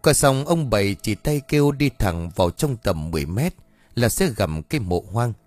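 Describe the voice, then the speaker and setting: A man narrating a story in a steady, even way. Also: on the low side, normal speed, no room sound, soft background music. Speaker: audiobook narrator.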